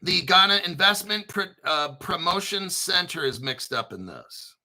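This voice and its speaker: A man hosting an informal crypto commentary, talking through articles in an excitable, sarcastic way, swearing and often clearing his throat. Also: sits high, measured pace, low-quality recording. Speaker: crypto video host.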